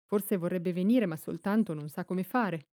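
A woman's voice: on the low side, moderate pace, dark tone, no echo, studio quality, natural voice. A woman voicing an earnest, tired young boy warrior in an audiobook, in a plain reading voice.

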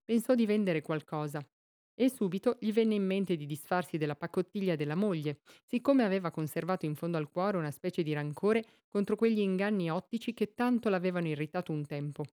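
A woman narrating a classic short story in a steady, measured reading. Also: on the low side, smooth, dry recording, clean studio sound. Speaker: reader.

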